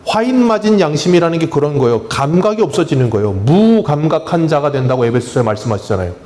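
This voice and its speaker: A male pastor preaches in a church with a voice pitched a little high for a man, swinging up and down as he talks. He keeps putting questions to the congregation and answering them himself, in a chatty, humorous way. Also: big pitch swings, fast, a little mellow. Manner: conversational, plain-spoken preaching with touches of humor. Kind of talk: sermon. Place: church sanctuary.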